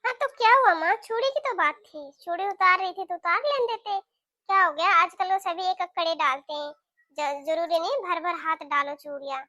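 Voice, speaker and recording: A woman's voice: very high voice, normal speed, bright, forceful tone, dry recording, clean studio sound. A woman voicing a caring young married daughter in a cartoon, talking in an earnest, pleading way. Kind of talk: cartoon voice acting.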